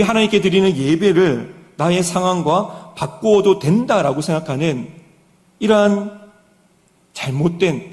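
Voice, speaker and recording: A middle-aged male pastor delivers an earnest evening sermon, speaking directly to his congregation. His voice sits somewhat high for a man. The sound carries a long reverb from the church hall around him. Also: a little mellow. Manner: earnest preaching, repeated direct address to the congregation. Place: church sanctuary.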